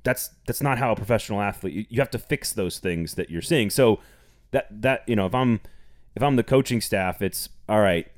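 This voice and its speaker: A man's voice: fairly low pitch, brisk. A man hosting a sports podcast, talking casually and rambling with frequent restarts. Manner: rambling, repeats words, laughs often. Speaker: podcast host.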